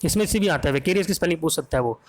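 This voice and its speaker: A man's voice: on the high side, lively intonation, rapid-fire. A man with an Indian accent teaching English vocabulary for an exam, spelling words out letter by letter and often checking that students follow.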